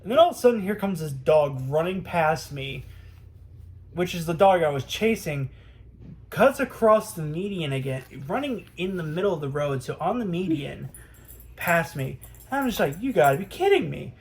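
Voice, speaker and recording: A man's voice: fairly high pitch, lively intonation, moderate pace, darkish tone. A young man vlogging at home, telling a story in a rambling way, full of fillers. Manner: rambling, lots of "um" and "I'm like". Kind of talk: casual storytelling.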